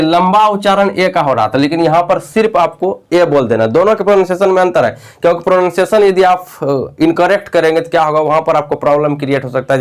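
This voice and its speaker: Man spelling words for a lesson. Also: fairly high pitch. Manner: repetitive, spells words letter by letter; addresses viewers directly with frequent "okay". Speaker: English teacher.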